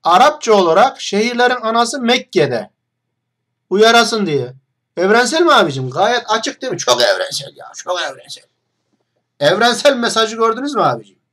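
A man's voice: sits high, sing-song, normal speed, fairly bright tone. A young man hosting an online video, talking straight to the camera in a mocking, combative monologue full of rhetorical questions.

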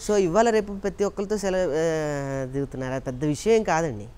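Interviewed casually about his career as a mimicry artist, a man tells stories earnestly and with animation, acting out the voices of people he quotes. His voice is a little high, at moderate pace, with slight background noise.

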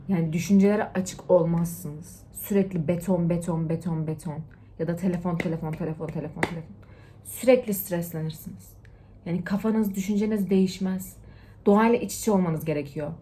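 A young woman talking casually to her viewers in a lively, lecturing way, swinging between loud and hushed. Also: medium pitch. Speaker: TikTok vlogger. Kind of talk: casual motivational chat to camera.

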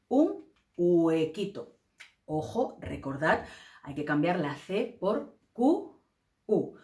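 A woman from Spain with a Spain accent, teaching a Spanish grammar lesson in a clear, careful way. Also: medium pitch, echoey room.

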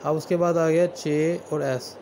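A man's voice: fairly high pitch, steady tone, measured pace, mellow, slight background noise. A man teaching shorthand strokes step by step as he writes, patiently repeating each one aloud. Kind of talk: step-by-step lesson while writing.

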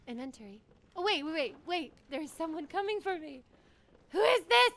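A young woman streaming a video game, excitable, swearing and laughing as she plays. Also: high-pitched, unhurried, slight background noise. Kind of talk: live gameplay commentary.

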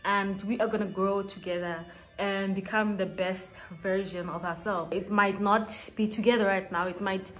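Filming a get-to-know-me vlog in a small shelved room, this woman from South Africa, in her late twenties, talks casually to the camera at a moderate pace. Her medium-pitched voice is steady and fairly bright. She laughs a lot and draws out words for emphasis.

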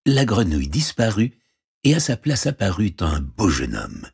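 Expressive husky male storyteller. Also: lowish voice, normal speed. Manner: expressive, playing every character. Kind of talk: storybook reading.

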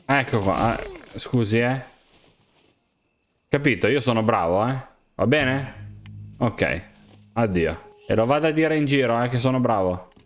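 A young man playing a game, joking and excitedly talking to the characters around him. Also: medium pitch, unhurried, long pauses, a little hiss or hum. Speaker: gamer. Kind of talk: game commentary, role-playing as himself.

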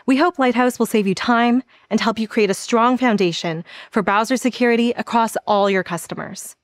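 A woman in her thirties presenting a scripted software tutorial with a polished, even delivery, standing on an indoor studio set. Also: on the high side, normal speed, no echo. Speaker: product presenter.

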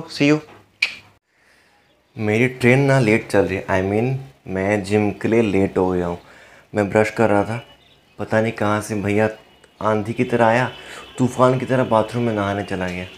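A young man with a slightly low voice chats to a phone camera held close in a small room. He speaks slowly and easily, dropping English phrases into his talk like a fitness vlogger walking viewers through his day. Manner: chatty, mixes Hindi with English phrases. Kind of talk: casual vlog chat to camera.

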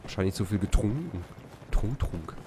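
A man streaming a shooter game live, chatting loudly with teammates and complaining about opponents through a headset. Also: fairly low pitch, animated, moderate pace. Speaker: livestream gamer. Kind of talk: excited live gameplay chat. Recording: noisy stream with game gunfire behind.

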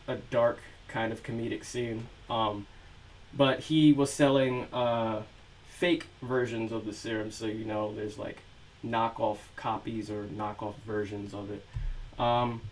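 A man's voice: mid-range voice, slight background noise, rough recording. A man chatting casually with many fillers before reading an excerpt of his own novel aloud. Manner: relaxed, filler-heavy chat. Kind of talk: casual chat, then reading prose aloud.

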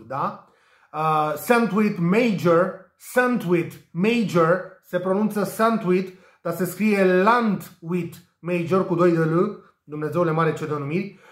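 Man, fairly high voice, hesitant, lots of filler sounds, echoey room. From Romania. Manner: hesitant, many filler sounds, jokey asides. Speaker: betting tipster. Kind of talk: casual tips monologue.

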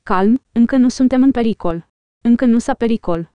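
A woman voicing a calm, wise older male Jedi master who speaks gently and unhurriedly in an audiobook reading. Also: fairly high pitch, clean tone, no room sound, muffled recording, close to an everyday voice.

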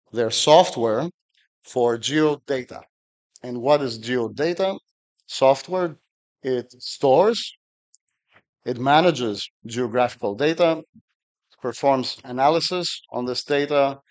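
A middle-aged man from Greece, giving a technical conference talk at a podium with dry humor and frequent fillers. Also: mid-range voice. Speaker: conference speaker.

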